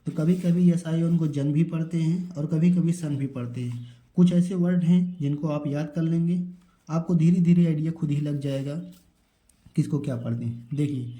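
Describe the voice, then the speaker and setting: A man's voice: on the high side, moderate pace, warm tone, roomy sound, rough recording. A male teacher giving a pronunciation lesson, spelling words out letter by letter and answering his own questions. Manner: asks a question, then answers it himself. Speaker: English teacher. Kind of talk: spoken English pronunciation lesson.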